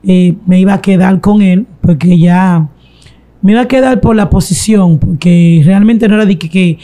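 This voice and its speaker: A woman giving a slow, reflective confessional testimony in an interview. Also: mid-range voice, mellow. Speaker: guest telling her testimony.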